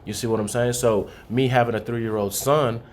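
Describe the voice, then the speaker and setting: A man's voice: mid-range voice, fairly even intonation, moderate pace, background noise. A young man from Haiti, a guest on a radio interview, talking earnestly and casually, always asking "you know what I'm saying". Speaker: guest, credit repair consultant.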